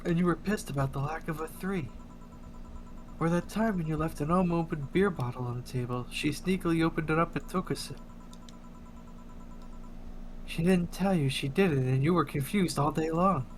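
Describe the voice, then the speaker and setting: A woman's voice: sits low, normal speed, pauses often, natural voice, low-quality recording. A woman voicing a teasing, curious young woman in a video game, in a casual, playful way. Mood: amused. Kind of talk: hobby video game voice-over.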